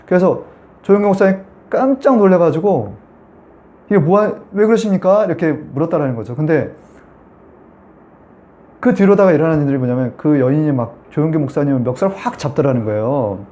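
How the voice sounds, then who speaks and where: A man's voice: fairly high pitch, lively intonation, brisk, dark tone, dull audio. A man giving a Sunday sermon as pastor, telling a story and talking to the congregation in a conversational way.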